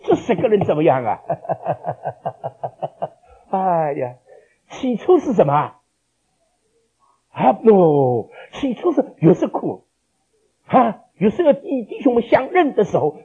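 A man preaching a sermon, asking rhetorical questions and swinging between loud, dramatic lines and quiet ones. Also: sits high, breathy edge. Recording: lo-fi dull recording.

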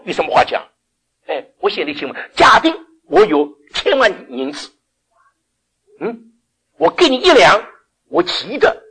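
Preaching to his congregation, an older man with a high, husky voice frequently puts questions to them. He laughs now and then, moving back and forth between loud and soft delivery.

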